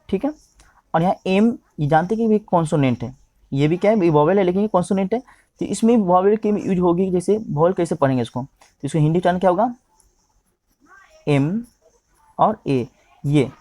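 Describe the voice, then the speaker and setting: A man teaching English grammar, who keeps pausing to ask himself questions and checking in with his listeners. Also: high voice, mellow, dry recording. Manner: repeats "okay" and asks himself questions.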